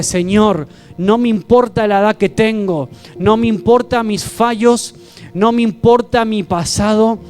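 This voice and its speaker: A male pastor, preaching a fervent sermon to his congregation and praying aloud. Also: sits high. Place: church service. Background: soft keyboard music.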